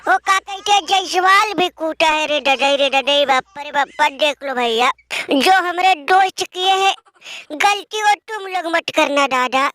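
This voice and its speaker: A woman's voice: extremely high pitch, sharp tone, exaggerated voice. A woman voicing a melodramatic rustic village friend who wails and laments, in a comic cartoon.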